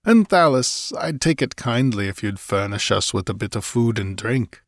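A man reading aloud and voicing a gruff, blunt barbarian warrior. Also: medium pitch, animated, normal speed, no echo, studio quality, lightly acted. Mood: gruff impatience. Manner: growling, blunt.

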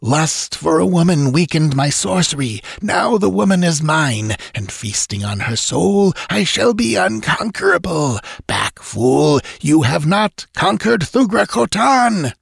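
A man's voice: a little high, big pitch swings, unhurried, gravelly, few pauses, husky, no echo, clean studio sound, voice pushed up, full character voice. Hissing undead sorcerer, voiced by a man. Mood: menacing gloat. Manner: grandiose, threatening declamation. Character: ancient undead sorcerer, male, gloating and menacing. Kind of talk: audiobook character voice.

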